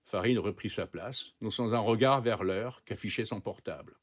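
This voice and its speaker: A man reading a short story aloud in a calm, measured narrating voice. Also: lowish voice. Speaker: reader. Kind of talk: scripted narration.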